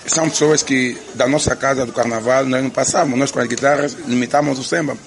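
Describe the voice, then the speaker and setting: A musician with an Angolan Portuguese accent answers interview questions earnestly and reflectively, often restarting his phrases. His mid-range, gravelly voice moves fast with fairly even intonation, and crowd noise sits behind him.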